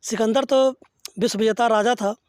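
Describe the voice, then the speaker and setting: A man's voice: high voice, fairly even intonation, normal speed. A man delivers a reflective discourse in a dry, echo-free setting. He is earnest and reverent, explaining like a teacher and weaving in verse and anecdotes.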